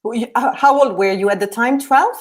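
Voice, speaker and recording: High-voiced woman hosting an interview. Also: a little fast. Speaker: interview host. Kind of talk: scripted introduction and interview questions.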